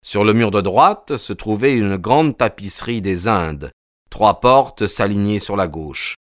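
A man narrating a novel as an audiobook in a measured, literary way. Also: lowish voice, expressive, no room sound, studio quality.

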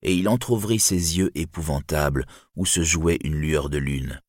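A man narrating an epic tale in an audiobook with solemn, measured storytelling. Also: a bass voice, no echo, clean studio sound. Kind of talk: audiobook reading.

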